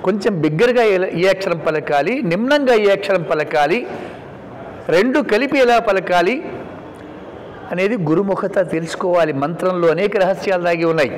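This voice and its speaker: A man giving a devotional scripture discourse in an emphatic, instructive way, swinging between loud stresses and quiet asides. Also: sits high, moderate pace. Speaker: religious discourse speaker. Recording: reverberant hall with faint background noise.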